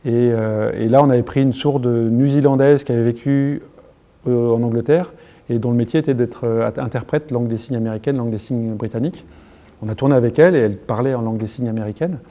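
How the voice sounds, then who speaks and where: A middle-aged French man answering interview questions in a halting, earnest way, with many restarts and fillers. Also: mid-range voice, warm tone, lo-fi sound. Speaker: motion capture engineer being interviewed.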